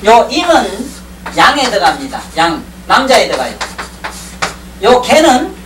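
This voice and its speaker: With a high voice, huge swings in pitch and a measured pace, a man teaches Chinese classics to a class, drifting between points, joking and checking comprehension. Recorded like an old 1990s tape, he's far from the mic in an echoey room over a faint hiss.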